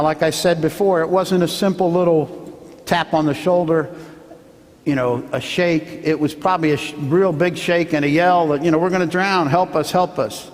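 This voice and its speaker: A man, a pastor, preaching a sermon as he tells a story, now and then acting out the shouts of the people in it. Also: fairly high pitch, long reverb tail. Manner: storytelling, acts out the fishermen's shouts. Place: church sanctuary.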